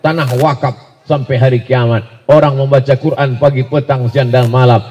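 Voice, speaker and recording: A man preaching a humorous dawn sermon in a mosque, telling jokey stories and swinging between soft asides and loud exclamations. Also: medium pitch, steady tone, normal speed, highs cut off. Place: large mosque. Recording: reverberant mosque hall.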